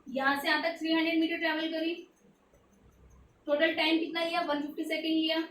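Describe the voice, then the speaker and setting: एक ऊँची आवाज़ वाली शिक्षिका, गूंजते कमरे में. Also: female voice, extremely high pitch, flat delivery, brisk, a bit bright, distant mic, a little hiss or hum. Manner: asks questions and answers them herself; mixes English terms into her explanations. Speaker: tutor. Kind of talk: explaining a textbook physics problem. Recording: echoey room, away from the mic.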